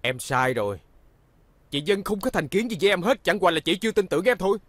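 A man's voice: sits high, quick pace, no room sound. An actor playing an easygoing young journalist who teases his fiancée but turns firm. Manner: teasing, relaxed, firm when crossed. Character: easygoing, joking young man, protective of sister.

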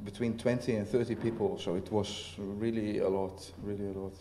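Halting man in a roomy hall. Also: lowish voice, fairly even intonation, warm tone. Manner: hesitant, many fillers and restarts. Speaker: visiting artist. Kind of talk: casual panel talk. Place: festival talk venue. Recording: roomy hall with faint noise.

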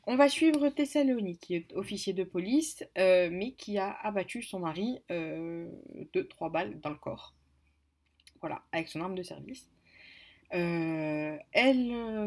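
A woman's voice: lowish voice, animated, moderate pace, a little mellow. Hesitant woman chatting about books. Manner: hesitant, many fillers and self-corrections; apologetic about pronunciation. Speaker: book vlogger. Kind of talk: casual book haul chat.

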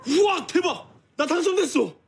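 A young man playing a lovestruck, whiny and excitable high school boy in a youthful TV drama, expressive and pleading. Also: normal speed, a little hiss or hum, lightly acted. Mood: excited, teasing. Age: young adult. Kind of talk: Korean television drama acting, youthful comedy.

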